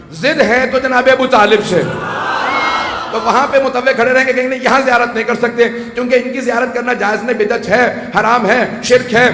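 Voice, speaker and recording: A man preaching a rhetorical sermon to a gathering, rising to shouts and making joking asides. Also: very high voice, slight background noise. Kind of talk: Urdu majlis sermon. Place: large hall with audience. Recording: echoey hall, faint ambience.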